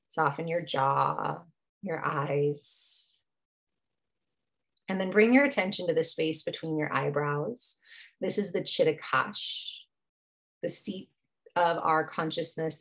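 With a low, calming voice, a yoga nidra teacher guides listeners through meditation. She takes her time, leaving long silences after each phrase.

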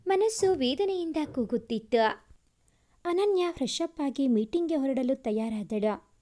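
A woman reading a family story aloud as a storyteller, gentle and even. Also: high-pitched, measured pace. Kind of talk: scripted story narration.

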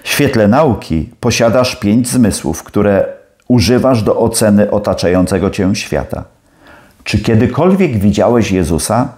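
A man's voice: lowish voice, expressive, measured pace, darkish tone. A man playing a stern older professor. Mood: probing. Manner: challenging, questioning. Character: stern older male atheist professor, probing.

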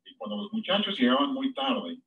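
A man preaching a sermon, with sudden high-pitched emphasis on key words. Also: very animated, moderate pace, far from the mic, narrow, tinny audio. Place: church.

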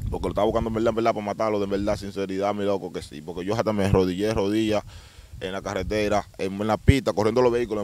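Fast-talking man, lowish voice. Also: slight background noise. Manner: rapid, streetwise, keeps asking "me entiendes". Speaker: interview guest telling his testimony. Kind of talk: casual storytelling testimony.

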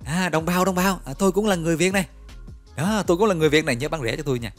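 An excited, chummy male shopper, as a teacher puts him on in a lesson, pitched up and loud, gushing over meeting someone from home. He wheedles for a cheap price and trades friendly promises. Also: rapid-fire, creaky, soft background music. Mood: eager, chummy. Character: eager friendly male customer meeting a compatriot.

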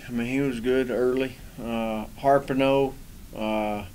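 A middle-aged man, a baseball coach, answering questions at a postgame press conference in a relaxed, rambling way with many fillers. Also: lowish voice, a little hiss or hum. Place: small press room in front of a sponsor backdrop.

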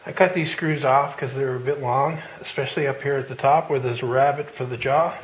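A man's voice: mid-range voice, fairly quick. A man hosting a woodworking video, casually walking through his build with plenty of fillers and restarts. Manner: relaxed, explanatory, with many fillers and restarts. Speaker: woodworking channel host. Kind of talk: casual shop walkthrough narration. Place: home woodworking shop, indoors. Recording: roomy workshop with faint noise.

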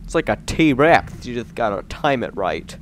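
Slow-talking man playing a game. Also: mid-range voice, slight background noise. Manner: jokey, excitable, talks to himself. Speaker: gaming channel host. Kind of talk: let's play commentary.

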